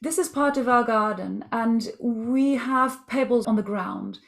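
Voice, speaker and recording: A woman's voice: a little high, big pitch swings, measured pace, gravelly. A woman from Switzerland, a community co-founder, enthusiastically presenting her home and garden on a video call.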